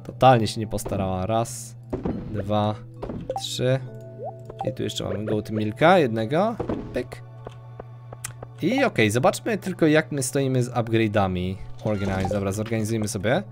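A man's voice: lowish voice, unhurried, pauses often, a little mellow, faint music behind. A young man casually commenting on his gameplay for viewers, chatting and thinking aloud as he plays. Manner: chatty, talks to viewers and girlfriend off-mic, mixes English gaming words. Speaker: streamer.

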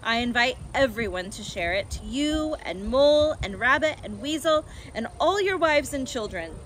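A crafty, confident father fox from a storybook, acted out by a woman. The voice is bright and fairly high, courteous and persuasive, with a generous, assured temper. Faint noise sits behind it. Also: animated, moderate pace, low-quality recording.

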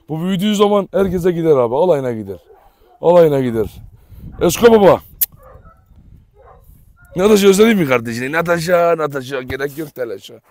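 On his dog farm, a man with a fairly high voice films himself, chatting casually to viewers and shouting commands at his dogs while they bark in the background. His manner is affectionate, and there's no echo on the recording.

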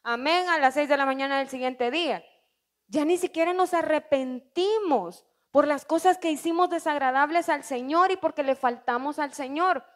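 A woman's voice: sits high, normal speed. A woman preaching a church sermon, earnest, asking the congregation questions and acting out short prayers.

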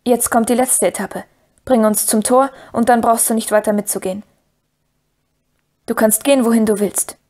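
A woman reading aloud and voicing a kind young male hobbit who speaks gently but firmly to his guide. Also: fairly high pitch, normal speed, pauses often, close to an everyday voice. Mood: gentle. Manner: gentle, calm, firm.

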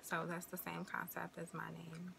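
A woman's voice: lowish voice, completely flat delivery, normal speed, vocal fry, sharp tone, a little hiss or hum. A woman in her twenties from the American Midwest, chatting casually to camera as a vlogger, rambling and friendly with lots of fillers. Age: 20s. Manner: chatty, rambling, uses y'all and you know.

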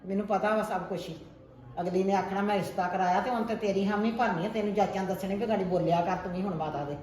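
Woman acting as a scolding older mother-in-law, quick retorts, fast speech, echoey room, faint noise. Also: mid-range voice, darkish tone, lightly acted. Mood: taunting. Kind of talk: amateur family drama skit.

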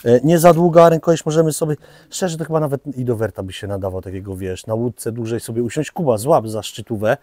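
A Polish-accented man runs a relaxed shop video, chatting through gear with jokes and plenty of fillers. His voice sits mellow and dark. The sound is dry and close. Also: mid-range voice, fast, dry recording. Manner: chatty, joking, loose with fillers. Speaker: fishing shop host. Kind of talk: casual product presentation.

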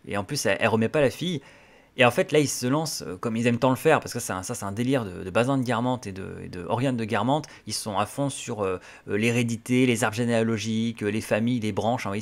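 A man talks about novels in a casual, explanatory way. He hesitates often and strings his thoughts together loosely, at a medium pitch. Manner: halting, full of hesitations. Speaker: literature channel host.

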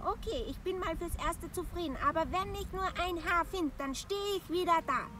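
A woman voicing a worried, whiny tomcat puppet with a high squeaky voice and a lilt. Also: normal speed. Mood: fretful. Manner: anxious, fretting, childlike. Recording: distant with background noise.

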